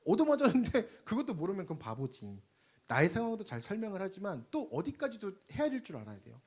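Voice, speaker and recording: Preaching a sermon, a man keeps things lively and conversational, leading the congregation in call-and-response. His voice sits high and is slightly rough, swinging between loud emphasis and quiet asides.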